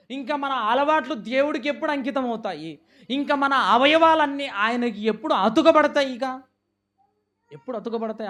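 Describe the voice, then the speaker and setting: A man delivers a sermon in a pleading, rhetorical style. He stacks question upon question and swings from raised, urgent lines to soft, hushed ones. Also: high voice. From India. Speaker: preacher.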